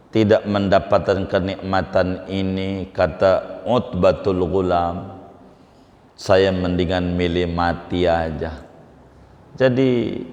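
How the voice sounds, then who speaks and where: A man preaching a sermon in a lively, conversational manner, his voice swinging between loud rises and soft drops. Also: fairly low pitch. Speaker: Islamic preacher. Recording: long hall reverb.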